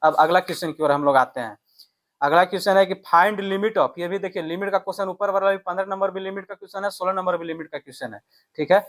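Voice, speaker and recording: With a high, somewhat bright voice and fairly even intonation, a man speaks fast as he works through exam maths questions for viewers. His instruction is step by step, dotted with tag questions to confirm they follow.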